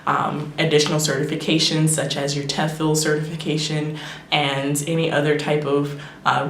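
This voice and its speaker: A young woman in her twenties, an English teacher, chatting casually to her camera vlog with lots of fillers and quick laughs. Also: low-pitched. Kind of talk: casual talking-head vlog. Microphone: camera microphone. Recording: echoey room with faint noise.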